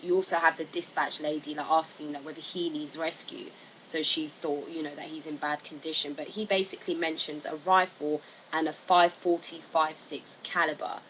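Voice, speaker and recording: At a moderate pace, a woman with a low, fairly bright voice and fairly even intonation narrates a video with casual opinion commentary. Hesitant and repetitive, she often says "you know" and "like," and the amateur recording is noisy with clear hiss.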